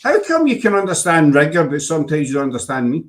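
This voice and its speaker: This podcast host from Scotland speaks in a high-leaning, very animated voice at a quick clip. With his Glaswegian accent, he runs a laid-back online chat show, joking around and ribbing his guest while dropping in Scots vocabulary.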